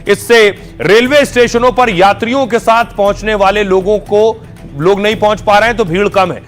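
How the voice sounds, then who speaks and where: A man narrating a television news report as anchor, with a brisk, punchy broadcast delivery. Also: sits high, fairly even intonation.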